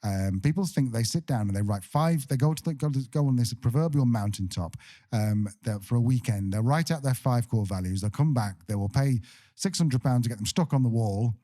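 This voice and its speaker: A man's voice: medium pitch, lively intonation, brisk, dark tone. A man co-hosting a podcast in casual chat, joking and playfully sarcastic. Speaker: podcast co-host.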